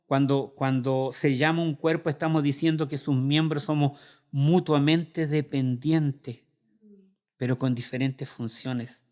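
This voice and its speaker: A man's voice: medium pitch, a little mellow. A male pastor with a Chilean Spanish accent preaching a sermon in an earnest, confessional way, acting out his own prayers and doubts.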